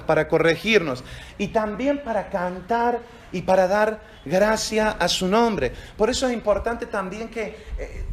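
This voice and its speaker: A male pastor preaching a sermon in church, slowing down to stress key phrases. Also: sits high, a little hiss or hum.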